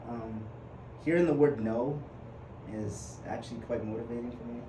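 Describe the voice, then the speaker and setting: Here a mid-range male voice at normal speed comes from a twenty-one-year-old Ugandan guest on a podcast, talking casually. He's chatty yet unsure, with frequent fillers and restarts, in a room that echoes and carries background noise.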